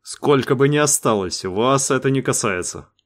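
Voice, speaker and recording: A man voicing a selfish, panicking male crew member who threatens others with a gun, hoarse and shrill. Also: lively intonation, normal speed, lightly acted. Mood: desperate. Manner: shrill outbursts.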